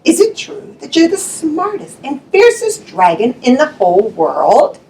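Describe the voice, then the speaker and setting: A woman voicing a clever young princess who flatters eagerly. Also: high-pitched, measured pace, distant mic, slight background noise, full character voice, low-quality recording. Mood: flattering.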